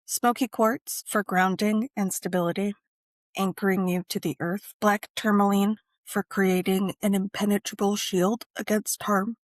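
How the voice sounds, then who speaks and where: A woman with a mid-range, steady voice narrates a scripted guided meditation and ritual. She speaks in measured, deliberate phrases broken by frequent pauses, and the recording is dry.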